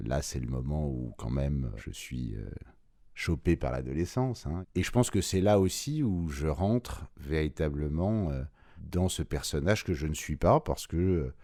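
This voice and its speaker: A man in his forties giving a personal testimony, hesitant and reflective, pausing often with fillers. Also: extremely low pitch, gravelly, dark tone, no echo, clean studio sound. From France. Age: 40s. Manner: hesitant, many pauses and fillers; reflective, measured. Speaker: interviewee.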